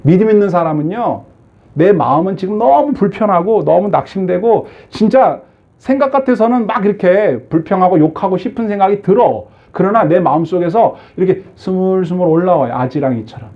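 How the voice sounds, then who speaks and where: Man, pastor, sermon, high voice, very animated, questions the congregation, lo-fi sound. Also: fairly quick. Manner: asks the congregation many questions, acts out quoted voices.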